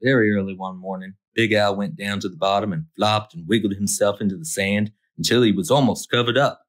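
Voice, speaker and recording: A man's voice: lowish voice, fairly quick. A man narrating a children's picture book as a storytime host, expressively, drawing out key words for effect.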